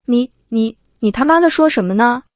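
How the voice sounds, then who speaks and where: A woman voicing a shrill, vulgar middle-aged mother who shrieks insults and wails theatrically. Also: lively intonation, normal speed, no echo, studio quality, close to an everyday voice. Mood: spiteful. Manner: shrieking abuse, theatrical wailing.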